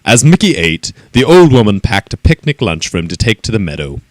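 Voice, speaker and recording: Male storyteller, lowish voice, animated reading, dry close sound. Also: fairly quick, no echo. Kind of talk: children's story read-aloud.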